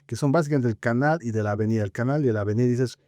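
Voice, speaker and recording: A podcast co-host discussing film criticism speaks with a Bolivian Spanish accent at a medium pitch with a darkish tone. He's conversational but halting, searching for words and dropping frequent filler tags, and there's no echo.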